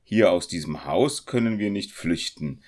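A man voicing an indignant young circle-smith in a storybook reading, loud and protesting. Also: low-pitched, lively intonation, unhurried.

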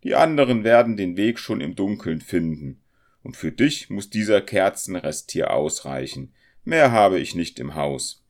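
A man voicing a stern, grim female innkeeper in a storybook reading, sharp and scolding. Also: medium pitch, sing-song, measured pace, hardly any pauses, voice pushed up.

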